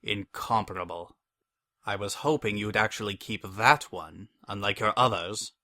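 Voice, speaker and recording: A man's voice: lowish voice, unhurried, pushed and bright, no echo, studio quality, exaggerated voice. A man voicing an ancient imprisoned monster, bitter and vengeful, in a hammy, theatrical dramatic story reading. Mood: bitter, seething. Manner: hammy, theatrical stage-actor delivery.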